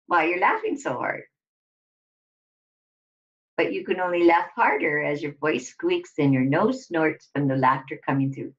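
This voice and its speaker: A woman leads a scripted guided relaxation exercise, giving deliberate instructions in short phrases separated by pauses. Her voice sits low, captured in a dull lo-fi recording.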